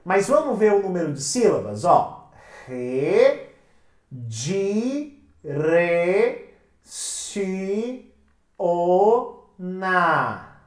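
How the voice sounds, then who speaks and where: This Brazilian Portuguese-accented teacher, a woman, runs an exam-prep class at normal speed, her fairly low voice sing-song and darkish. She calls her listeners "minha gente" and raises questions only to answer them herself. A distant mic gives the audio a roomy feel.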